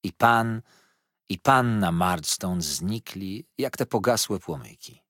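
Brief: male audiobook narrator, low-ish, husky, very animated delivery. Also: takes it slowly, no echo, clean studio sound. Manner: expressive, lively reading.

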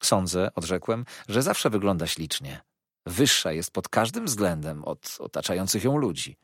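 Casting note: reserved young man, clipped and cool in reply, low and husky, as the reader voices him. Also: sing-song, moderate pace, fairly bright tone, dry recording, clean studio sound, exaggerated voice. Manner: terse, cool.

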